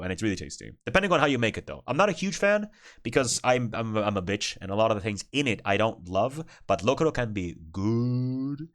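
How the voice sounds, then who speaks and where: Give me a man in casual livestream chat, lively and animated, with a mid-pitched voice. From Argentina. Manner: playful, swears freely. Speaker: streamer.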